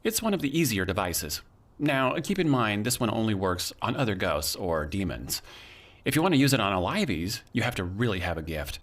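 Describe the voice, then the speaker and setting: 연극적이고 능청스러운 유령 멘토. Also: male voice, lowish voice, very animated, brisk, a bit bright. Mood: warm, coaching. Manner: campy, theatrical, calls others honey and sweetheart. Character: flamboyant older ghost mentor, campy and motherly. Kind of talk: audio drama acting.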